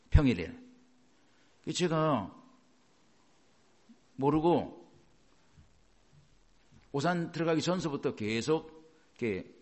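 Male pastor, lively up-and-down sermon delivery, keeps asking the congregation questions. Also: mid-range voice. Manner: animated storytelling with rhetorical questions.

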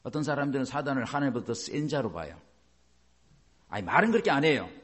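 A man's voice: mid-range voice, sing-song, fast, fairly bright tone. A male pastor giving a sermon, often asking the congregation rhetorical questions and acting out short dialogues in different voices. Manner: acts out little dialogues in changing voices.

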